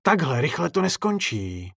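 A man voicing a menacing, theatrical male circus clown in a story read aloud, with a husky, mocking showman's sing-song. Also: a little high, big pitch swings, a bit bright, no echo, clean studio sound, pitched above the performer's own voice, full character voice.

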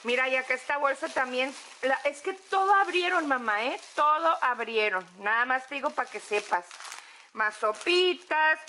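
A young Mexican woman with a Mexican accent, gushing excitedly in a casual home vlog from her apartment. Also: sits high, a little hiss or hum. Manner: excitable, gushing, drawn-out words. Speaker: vlogger.

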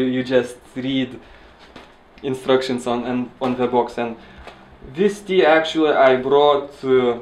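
A man in his twenties with a Lithuanian accent, explaining things casually to camera in a hesitant, halting way. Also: medium pitch. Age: 20s. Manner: hesitant, halting with repeated words. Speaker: student interviewee. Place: small indoor kitchen. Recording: echoey kitchen with audible background noise.

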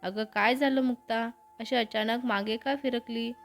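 A woman voicing a timid, soft-spoken young woman in a storybook reading. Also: a little high, steady tone, a little slow, soft background music.

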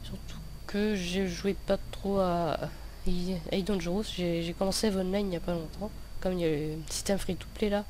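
A man's voice: sits high, steady tone, normal speed, a little mellow. A young man with a lisp that slurs his s sounds, giving hesitant, rambling, self-correcting commentary over gameplay. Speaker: gaming video host. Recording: noticeable background noise.

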